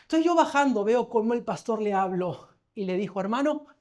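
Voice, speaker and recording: A man's voice: high-pitched, expressive, fairly quick, darkish tone. A man preaching a sermon as pastor, talking conversationally, telling stories and asking the congregation questions.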